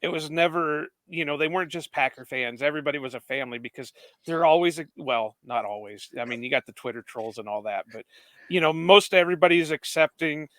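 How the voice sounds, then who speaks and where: Male podcast co-host, warm chatter, clean resonant tone, dry room. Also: fairly high pitch, fast talker, dry recording. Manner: friendly, rambling, many "you know"s. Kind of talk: casual sports podcast chat.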